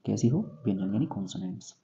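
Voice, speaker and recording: A man teaching English grammar in a classroom-style lesson, going slowly and asking himself questions before he answers them. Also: lowish voice, expressive, vocal fry, warm tone, highs cut off. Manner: slow, repeats and quizzes himself with questions.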